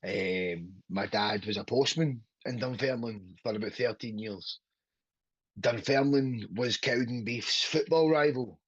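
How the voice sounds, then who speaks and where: This pro wrestler from Glasgow, in his thirties, chats on a podcast at an unhurried pace in a medium-pitched, slightly rough voice. He meanders, curses freely and keeps checking in with "do you know what I mean". The recording is dull, lo-fi and dry, without any room sound.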